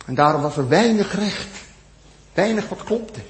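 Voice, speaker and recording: High-voiced preacher in a reverberant hall. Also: male voice, expressive, normal speed, slight background noise. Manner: emphatic preaching, repeats phrases, sudden loud peaks and near-whispered drops. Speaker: pastor. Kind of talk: sermon.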